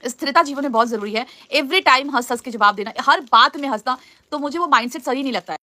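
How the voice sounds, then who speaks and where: A woman's voice: high voice, fast, pushed and bright. A woman hosting a casual live stream, answering viewer comments in an earnest, pleading way. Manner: earnest, pleading, repeats "please" often.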